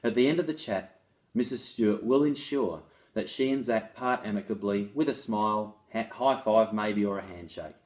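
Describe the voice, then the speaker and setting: Reading a case study and unpacking it in a chatty, instructive manner, this male education author on restorative practices in schools has a lowish, darkish-toned voice and keeps a moderate pace.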